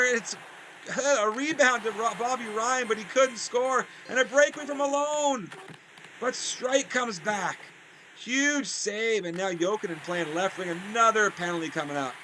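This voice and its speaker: A man giving excited play-by-play commentary on a video game hockey league, his voice jumping up on big plays and drifting into chatty asides. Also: a little hiss or hum. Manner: rises sharply in pitch and volume on big plays, chatty asides.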